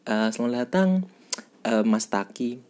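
A man's voice: mid-range voice, expressive, measured pace, darkish tone. Chatty young man hosting a podcast. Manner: chatty, laughs often, slangy. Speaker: podcast host. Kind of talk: casual podcast chat.

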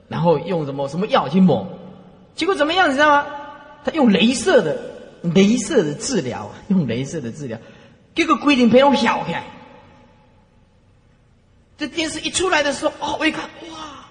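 A man with a Taiwanese Mandarin accent lectures students like an animated storyteller, repeating key phrases. His voice sits a little high and swings widely in pitch. The sound rings with the long reverb of a hall. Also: normal speed. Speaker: Buddhist lecturer.

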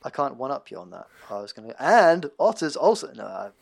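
A laid-back man co-hosts a casual podcast with wry jokes. His voice is gravelly with frequent creak and sits at a middling pitch. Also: very animated, fairly quick. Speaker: podcast co-host.

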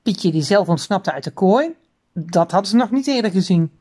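A woman reading a children's book aloud, chapter by chapter, in an expressive storytelling voice. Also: medium pitch, moderate pace.

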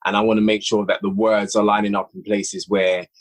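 A lowish, flat, brisk voice belongs to a man who writes and directs audio dramas, appearing as a podcast guest. In relaxed interview chat he reflects on his creative work and repeats phrases to drive points home.

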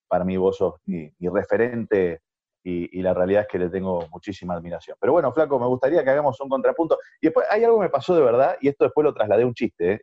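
Halting host, dry muffled sound. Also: male voice, lowish voice, no echo. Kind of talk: casual interview chat.

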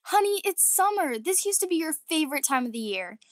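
A bright, high-voiced mother, gentle and coaxing as she nudges her child along, as a woman reads her part. The sound is close and dry, with no room around it. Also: very animated, fairly quick, dry recording. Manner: pleading, encouraging.

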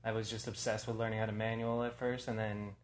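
A man's voice: on the low side, level tone, fast. A man in his thirties co-hosting a casual chat, asking questions, laughing easily and swearing freely. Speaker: podcast co-host.

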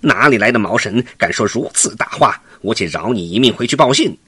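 A man's voice: lowish voice, lively intonation, fairly quick, bright, forceful tone, husky, no room sound, clean studio sound, heavily acted. A man voicing a boastful, mocking monkey king in a children's story. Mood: defiant. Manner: mocking, laughing, brash.

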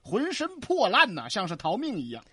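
A woman narrating a folk tale briskly in a comic two-hander. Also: mid-range voice, huge pitch swings, sharp tone, breathy edge, no room sound, clean studio sound. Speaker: storyteller.

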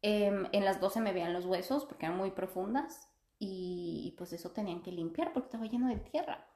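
A woman's voice: medium pitch, fairly quick, dark tone. A young woman, a podcast guest, telling a personal story in casual, chatty conversation and laughing often. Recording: echoey room.

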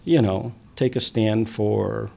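A man, a police officer, talking earnestly in an interview, with many pauses and fillers. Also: on the low side, fairly even intonation, creaky, warm tone. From immigrant, grew up in the US. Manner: earnest, halting, many "you know" fillers. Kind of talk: conversational interview.

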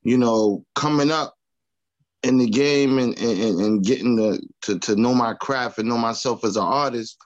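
Appearing as a guest in an interview, a Long Island rapper chats in a loose way, his talk full of "you know what I mean" and other fillers. His voice is raspy and medium-pitched at a normal speed, and the sound quality is dull lo-fi.

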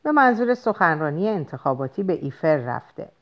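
A woman's voice: low voice, big pitch swings. A woman voicing a cold, curt married woman answering the phone in an audiobook. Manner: cold and clipped.

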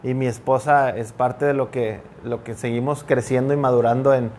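A man in a reflective podcast chat, speaking earnestly and pausing to restart his thoughts. His voice sits at a middle pitch, with faint noise in the background. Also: steady tone, darkish tone. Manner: earnest, halting with frequent restarts. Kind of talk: reflective conversation.

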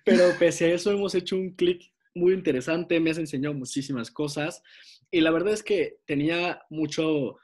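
A man's voice: a little high, fairly even intonation, moderate pace, a little mellow. A man hosting an interview podcast, praising his guest and asking open questions. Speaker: podcast host.

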